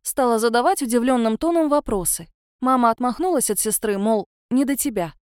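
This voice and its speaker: A woman narrating a first-person story for an audiobook in an expressive, measured way. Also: a little high, clear, resonant tone, no room sound, studio quality.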